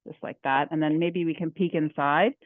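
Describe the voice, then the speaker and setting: A woman's voice: sits low, fairly even intonation, normal speed, no room sound. Chatty woman on a tinny call line. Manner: chatty, laughs often, talks through her steps. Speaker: home economist presenter. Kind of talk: cooking demonstration. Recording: dry tinny phone-like audio.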